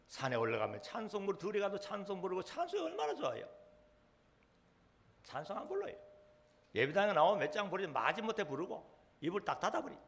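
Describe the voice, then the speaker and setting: Animated, gravelly-voiced male pastor preaching. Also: high voice. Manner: animated, questioning the congregation. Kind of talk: sermon.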